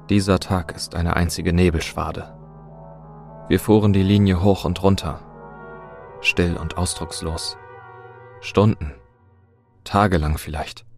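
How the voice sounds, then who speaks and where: Man, very low voice, horror story narration, dramatic and tense, faint music underneath. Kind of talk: scripted first-person horror narration.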